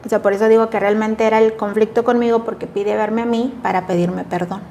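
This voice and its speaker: A woman's voice: medium pitch, fairly even intonation, a little fast, vocal fry, warm tone, highs cut off, a little hiss or hum. A middle-aged woman giving an earnest, reflective personal testimony as an interview guest. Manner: earnest, reflective, acts out remembered dialogue. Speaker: guest sharing a personal story.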